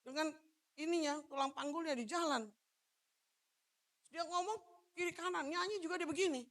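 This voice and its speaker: A woman pastor from Manado giving a loud, animated sermon, joking with the congregation and moving about as she preaches. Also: extremely high pitch, moderate pace. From Manado, Indonesia. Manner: jokes with the congregation. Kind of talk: lively sermon.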